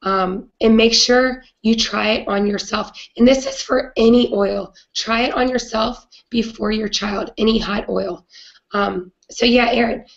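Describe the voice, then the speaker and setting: Raspy sick-sounding woman on a live chat, flat gravelly voice, kinda dull lo-fi audio. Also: a little high, measured pace. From not British. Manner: earnest, with frequent "um" fillers. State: hoarse from a cold. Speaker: host of a live video chat. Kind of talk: casual live-stream talk.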